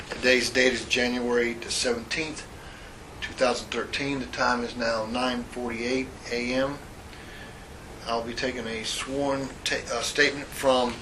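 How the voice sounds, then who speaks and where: A man with a mid-range voice, serving as an internal affairs sergeant, interviews a witness in an interview room in a measured, procedural fashion, reading formal statements aloud. It's formal sworn-statement questioning heard on an old, faintly hissing interrogation tape.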